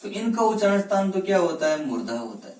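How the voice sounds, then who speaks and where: A man teaching Hindi grammar in a classroom-style lecture. He asks questions and answers them himself, and he sounds out letters slowly one at a time. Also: high-pitched, big pitch swings, darkish tone. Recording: echoey room, voice from a distance.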